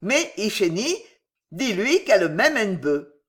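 Une femme qui prête sa voix à un vieux baron crédule et amoureux, à l'accent allemand prononcé et aux consonnes écorchées. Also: female voice, medium pitch, big pitch swings, slow. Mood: fiévreux. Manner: thick German accent put on, mangled French consonants. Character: old German-accented male baron, lovesick and gullible.

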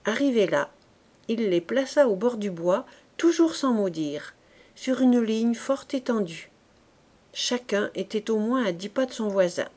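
A woman's voice: fairly high pitch, animated, measured pace, a little mellow. Woman reading a classic novel aloud. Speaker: narrator.

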